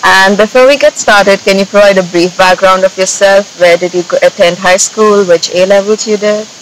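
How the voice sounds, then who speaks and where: Young female vlogger interviewing a friend in a field, mid pitch, some outdoor noise behind. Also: fairly even intonation, moderate pace, poor audio. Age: young adult. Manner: friendly, asks questions with frequent "like". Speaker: channel host, engineering student. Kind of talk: casual interview.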